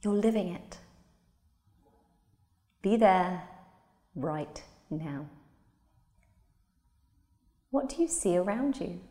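A woman guiding a relaxation visualization in a slow, soothing, soft-spoken manner. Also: on the low side, expressive. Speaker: meditation guide. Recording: roomy with long reverb.

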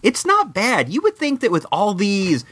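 A middle-aged man talks casually as a toy review host, mixing nostalgic stories with wry commentary. His pitch moves around in a lively way. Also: normal speed, husky. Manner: conversational, wry. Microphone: microphone in a room.

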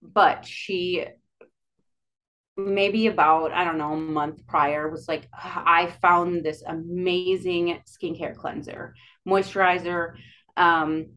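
Dakota accent woman, kinda low voice, podcast guest telling her story, halting and casual, bit of noise behind. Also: fairly even intonation, a bit bright. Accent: Dakota, Upper Midwest. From Dakotas, United States. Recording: clear background noise.

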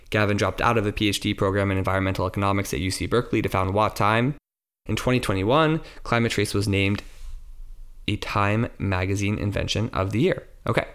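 A man hosting a podcast eagerly introduces and questions his guest in enthusiastic, somewhat rambling interview chat, laughing easily. His pitch is fairly low and his tone fairly bright.

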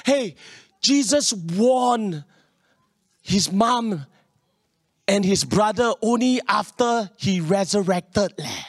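A Singaporean-accented man preaches a sermon to a congregation in colloquial Singlish, sprinkling in particles like leh, eh and huh. His high, expressive voice moves slowly, recorded at studio quality with no room sound. He is emphatic and repetitive, shares personal anecdotes, and seeks responses from his listeners.

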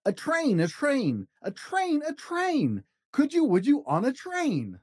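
A man's voice: very high voice, huge pitch swings, slow pace, slightly rough, voice pushed up, full character voice. A man voicing an eager, persistent little food-pusher from a storybook, coaxing in sing-song questions. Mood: eager persuasion.

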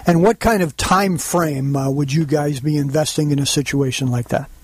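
A man hosting a radio interview, talking in a halting way with repeated words and eager interest. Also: on the high side, husky, no echo. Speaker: radio show host.

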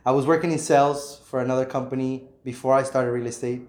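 A man's voice: mid-range voice, steady tone, quick pace, a little mellow. Earnest man in his thirties, echoey room. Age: 30s. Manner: earnest, frank, repeats words, many "you know"s. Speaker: realtor and property investor, guest. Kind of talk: casual interview. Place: vacant apartment unit indoors.

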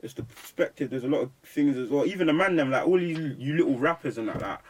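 A man's voice: mid-range voice, expressive, fast talker, slight background noise. A young man with a London roadman accent, talking emphatically and preachily in heavy street slang in a casual interview. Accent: London roadman, urban slang. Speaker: rapper being interviewed. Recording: slightly distant microphone.

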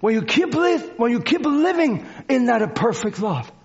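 The sermon comes through a dull lo-fi recording: a man with an extremely high, very animated voice preaches at a moderate pace in non-native English phrasing. Fervent and exhorting, he repeats his phrases and alternates between shouts and softer talk.

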